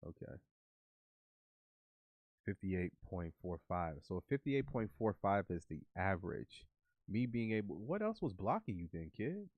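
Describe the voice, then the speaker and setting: Narrow, tinny audio with no room sound captures a man whose voice sits low. He hosts a casual livestream coding trading bots, nasal as the flu fades, muttering both to himself and to his bots.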